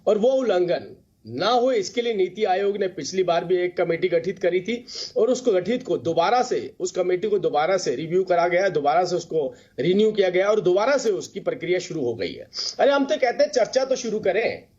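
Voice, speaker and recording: A man's voice: high voice, expressive, normal speed, darkish tone, breathy edge, lo-fi sound. A man arguing insistently as a guest on a TV panel debate, repeating rhetorical phrases over a remote link. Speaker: party spokesperson, debate guest.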